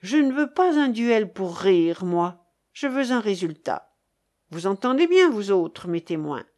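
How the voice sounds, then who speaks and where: A woman voicing a fierce, despairing gentleman who speaks in curt, commanding demands. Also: medium pitch, sing-song, measured pace. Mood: gruff insistent. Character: fierce, despairing man, gruff marquis.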